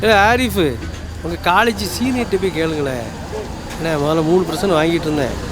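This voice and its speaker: A man's voice: a little high, a little fast, natural voice. A man playing a scheming college watchman who coaxes students into a shady deal. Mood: coaxing. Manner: coaxing, haggling, local slang.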